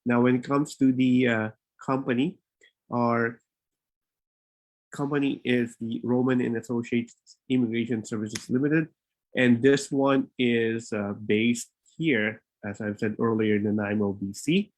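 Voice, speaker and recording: A man leads a live webinar from his home office through a laptop microphone. His talk is loose and informal, full of fillers and restarts, and he sounds a bit out of breath. His pitch sits in the middle range for a man. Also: steady tone, unhurried. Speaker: immigration consultant and webinar host.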